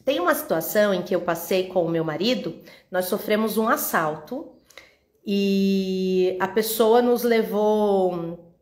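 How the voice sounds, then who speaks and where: A woman's voice: medium pitch, a little slow. Woman telling a story in a roomy echo. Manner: lively storyteller who acts out the dialogue; talks straight to a women's audience. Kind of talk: Bible teaching with personal story.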